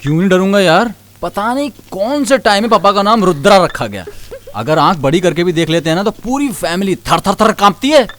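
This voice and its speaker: An actor dubbing a nervous, excitable young man who is scared of his strict father. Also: high voice, a little fast. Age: young adult. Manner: fearful, excitable. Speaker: college-age son. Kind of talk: Hindi film dub acting.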